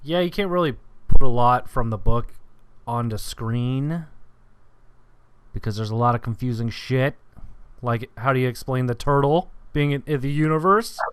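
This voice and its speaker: A man's voice: mid-range voice, moderate pace, a bit bright, clear, resonant tone. A man co-hosting a podcast, chatting casually and tossing in dry, joking quips. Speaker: podcast co-host. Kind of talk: casual chat.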